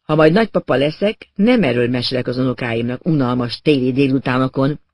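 A man narrating a first-person crime novel as an audiobook, in a wry, measured way. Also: medium pitch, darkish tone, no room sound, clean studio sound.

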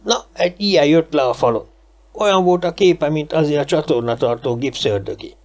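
A man's voice: fairly high pitch, a little mellow, close to an everyday voice. A man voicing a chatty, boastful homeless man in an audiobook, rambling and gossipy. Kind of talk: audiobook character reading.

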